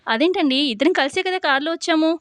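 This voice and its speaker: A woman's voice: high voice, animated, fast, no echo, voice pushed up. A woman voicing a patient young wife who pleads politely to be understood. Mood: pleading.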